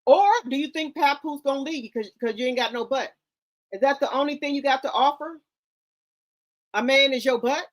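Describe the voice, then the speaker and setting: This commentary host, a middle-aged woman, talks a little fast in a high-pitched voice. Her casual commentary is blunt and preachy, peppered with slang.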